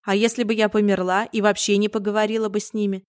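A woman voicing a brisk, grumbling elderly general's widow in a storybook reading, loud and bossy. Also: mid-range voice, dry recording, clean studio sound, lightly acted. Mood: indignant. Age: older.

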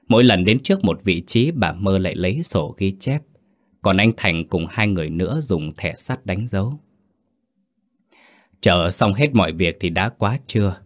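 Low-voiced somber male storyteller. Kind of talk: scripted ghost story narration.

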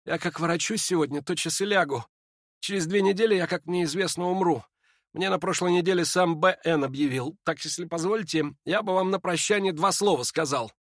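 A man doing a hoarse, dying young man. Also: high-pitched, a little fast, dry recording, studio quality, voice pushed up. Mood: quiet weary. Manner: quiet, hoarse, near-whispering. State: short of breath. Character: dying young man, feverish, calm and ironic.

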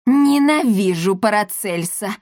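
A hoarse, wheedling storybook crook, a cowardly grown man caught out and whining his excuses, as a woman reads him. He talks a little higher and slower than a plain reading voice. The sound is close and dry. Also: no room sound, close to an everyday voice. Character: scheming cowardly male swindler, whiny.

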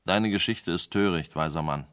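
A man's voice: deep voice, moderate pace, a bit bright, clear, resonant tone, no room sound, studio quality. A man voicing a cruel, mocking old king in a radio play, scornful and imperious.

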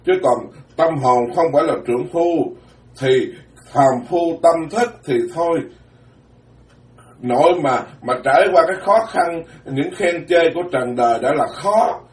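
A man, a Buddhist monk giving a dharma talk in a blunt, plain-spoken way, alternating quick asides with slow, weighty phrases. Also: fairly high pitch, animated. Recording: roomy, distant mic.

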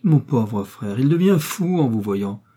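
A man voicing an effusive, flattering young woman who pleads and coaxes. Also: a little high, moderate pace, slightly rough, voice pushed up. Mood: gushing.

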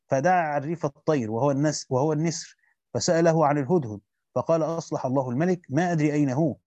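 Reading aloud from a classical commentary on the Quran, a man teaches his students and adds short asides along the way. His voice sits a little high with a dark tone, captured in a dry, dull, lo-fi recording.

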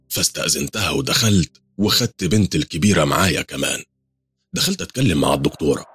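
A man's voice: rumbling low, a bit bright, husky, dry recording. A man with an Egyptian accent narrating a first-person horror story in a tense, confiding way.

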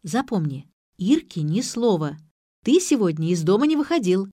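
A woman voicing a bossy, quick-tempered young woman who gives emphatic orders, in an audiobook. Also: medium pitch, big pitch swings, mellow, no echo, studio quality. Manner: emphatic, commanding.

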